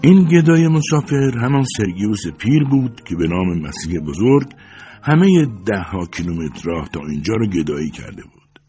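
A man narrating a literary audiobook in a measured, slow reading. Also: lowish voice, big pitch swings, mellow, soft background music.

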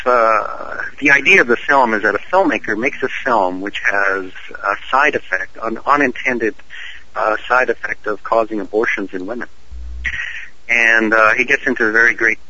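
Very bright-voiced man on a call. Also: on the low side, moderate pace, dry recording, muffled recording. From Canada. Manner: genial, joking, chatty with fillers. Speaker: actor guest. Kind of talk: casual interview chat. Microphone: phone call.

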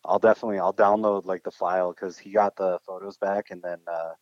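A man's voice: deep voice, little pitch movement, a little fast, no echo. A young man hosting a podcast in casual chat, laid-back and slangy, laughing often. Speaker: podcast host. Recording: muffled dull sound.

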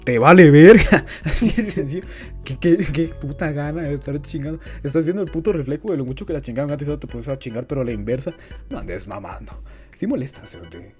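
A man with a Guatemalan accent speaks in a mellow, dark-toned voice at a middle pitch. He co-hosts a casual podcast with laid-back, slangy, profane banter. Faint music sits in the background. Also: quick pace. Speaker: podcast co-host.

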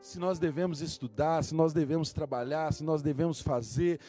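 A man in his thirties preaching a sermon, earnestly addressing the listener as a dear brother and slowing down to stress key words. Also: fairly high pitch, steady tone, mellow, soft background music.

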